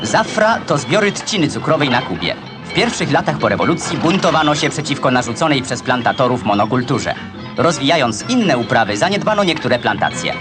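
A man delivering brisk, declamatory commentary as the narrator of an old 1960s newsreel. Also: mid-range voice, big pitch swings. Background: loud music.

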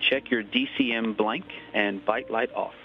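A man's voice: on the low side, steady tone, a little slow. A man giving step-by-step procedural instructions over the radio as a spacewalk communicator. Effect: radio transmission. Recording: narrow tinny radio link, music behind.

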